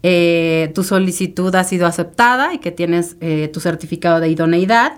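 A woman's voice: on the low side, moderate pace. A woman, a podcast guest telling a personal story in an emotional, rambling way with many fillers and tag questions. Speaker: interview guest.

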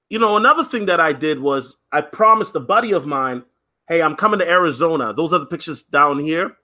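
Man, casual podcast storytelling, high voice, bright tone, chatty with fillers. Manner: chatty, many fillers and restarts, frequent "right?"; lively, acts out other people's lines. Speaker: podcast host.

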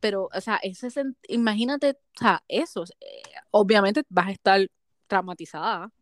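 A woman's voice: mid-range voice, normal speed, dry recording. Chatty code-switching woman. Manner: animated, mixes English phrases into Spanish. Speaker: podcast co-host. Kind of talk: casual chat about a reality dating show.

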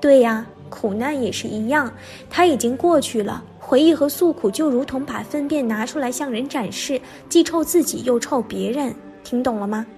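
A woman's voice: sits high, soft background music. Patient old monk, read by a woman. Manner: gentle, unhurried questioning. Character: calm, patient elderly male monk teacher.

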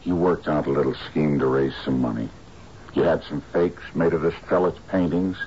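A deep-voiced, sardonic detective. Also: male voice, steady tone, warm tone, highs cut off, a little hiss or hum. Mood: dry, accusing. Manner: dry, deliberate, sardonic. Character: shrewd, sardonic male private detective. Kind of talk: screen drama acting.

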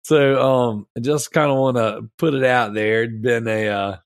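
Clean studio sound with no echo captures a man chatting casually on his podcast at a moderate pace. His medium-pitched voice stays fairly even in intonation but comes out wheezy, stuffed up and snotty, since he has strep throat and is mouth-breathing. He rambles eagerly using loose slang.

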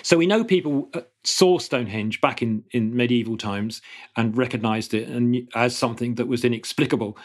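Middle-aged man, archaeologist guest, explaining thoughtfully with restarts, mid pitch. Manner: thoughtful, halting restarts then fluent explanation. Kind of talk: explanatory interview answers.

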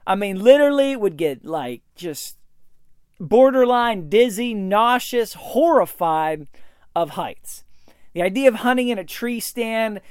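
A man hosting a solo hunting podcast, telling a story in a rambling way with many fillers and restarts, getting animated when he quotes others. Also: sits high, unhurried, clean tone, no echo, clean studio sound. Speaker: podcast host.

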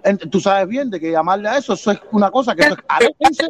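A man's voice: high voice, animated, fast, over a noisy crowd. A man with a Cuban accent breaking into a live stream debate, insistent about getting his turn. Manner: interrupting, insistent. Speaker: participant.

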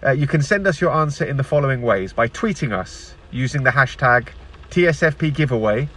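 A man's voice: mid-range voice, expressive, a little fast, fairly bright tone. Man hosting a podcast from a car park. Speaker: podcast host. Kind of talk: casual sports podcast chat. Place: outdoors in a car park overlooking a park football pitch. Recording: outdoor location recording in a car park.

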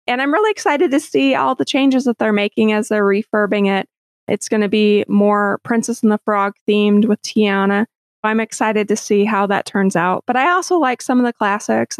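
A woman's voice: mid-range voice, no echo, clean studio sound. A woman in her thirties hosting a casual chat, upbeat and chatty, laughing easily as she talks. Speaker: host.

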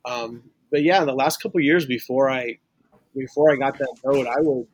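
This man, a St. Louis sportswriter appearing as a podcast guest, has a mid-range voice with a breathy edge and talks at normal speed. His casual conversation is earnest, with sentences often started over while he works out his thoughts.

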